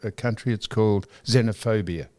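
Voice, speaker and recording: A man's voice: on the low side, brisk, dark tone. An Australian man co-hosting a podcast in casual chat, telling rambling stories with lots of stammered restarts. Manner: rambling, stammering storyteller who repeats himself. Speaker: podcast co-host.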